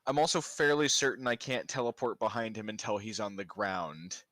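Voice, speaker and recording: Low-voiced playful man, dry sound. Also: moderate pace, fairly bright tone, dry recording. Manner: playful, describing wild actions. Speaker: player. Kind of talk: casual tabletop play.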